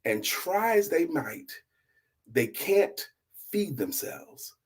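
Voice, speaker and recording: A middle-aged man narrates a story as host, his husky voice emphatic and deliberate, broken by dramatic pauses and hushed drops. His pitch sits a little high, with a sing-song lilt.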